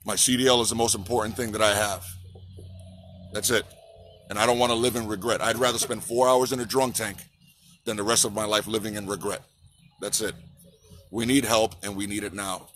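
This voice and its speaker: A man in his forties gives a fiery outdoor protest speech with a bright, forceful, slightly low voice. He repeats slogans and calls on the crowd to answer. A phone at arm's length catches him, with faint outdoor noise behind. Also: steady tone, a little fast, pauses often. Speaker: trucker activist. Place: outdoors on a city sidewalk by a park. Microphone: phone held at arm's length.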